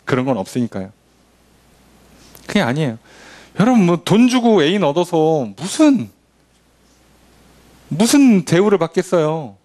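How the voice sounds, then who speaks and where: A male pastor leading a midweek Bible study, teaching in a conversational, animated way and acting out quotes. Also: fairly high pitch, measured pace, long pauses. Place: church.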